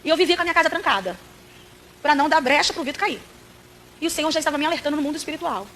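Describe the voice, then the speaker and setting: Fast, very high-voiced Brazilian woman preacher. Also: lively intonation, fairly bright tone, a little hiss or hum. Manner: dramatic storytelling, addresses the congregation directly. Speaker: preacher giving a testimony. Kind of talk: animated church testimony.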